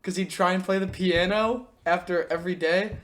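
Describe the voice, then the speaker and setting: A young man hosting a casual podcast, telling animated stories with laughter and quick impressions. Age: young adult. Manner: animated storyteller, breaks into laughter and high-pitched impressions. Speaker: podcast host. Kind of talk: casual chat.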